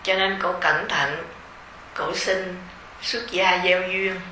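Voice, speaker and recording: A middle-aged woman with a Southern Vietnamese accent, a meditation teacher giving an informal dharma talk to retreat participants in a gentle, conversational way with soft fillers. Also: fairly low pitch, fairly even intonation, slow pace, roomy sound, slight background noise, rough recording.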